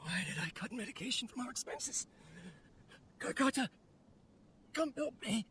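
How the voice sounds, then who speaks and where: A man's voice: very high-pitched, lively intonation, moderate pace, background noise. A man playing a weary, lonely researcher in a video game monologue, wistful and solemn in manner. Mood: weakened, straining. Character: weary, lonely male researcher obsessed with his machine creation.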